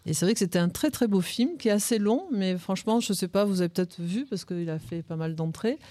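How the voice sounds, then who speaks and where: A woman's voice: mid-range voice, expressive, fairly quick, warm tone, dry recording. A middle-aged woman chatting as a guest on a school radio show, hesitant with many fillers. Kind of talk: casual chat.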